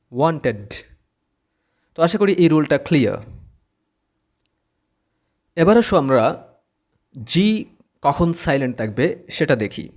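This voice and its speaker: A man's voice: fairly high pitch, darkish tone. A man teaching English pronunciation, patiently repeating each word twice. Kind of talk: slow-paced pronunciation lesson.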